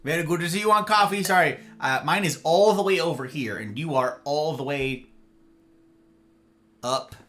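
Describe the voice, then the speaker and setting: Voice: mid-range voice, normal speed, a bit bright. A live streamer host chatting casually with viewers in a playful, rambling way, full of silly slang.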